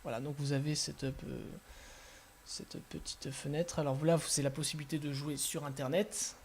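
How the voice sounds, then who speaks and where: Here is a man with a somewhat high voice who walks viewers through gaming software in a loose, unscripted way. He sounds keen about what he shows, but he keeps hesitating, filling pauses with sounds and restarting his sentences. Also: little pitch movement, slight background noise. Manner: enthusiastic. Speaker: gaming video host. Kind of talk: casual screen-recorded software walkthrough.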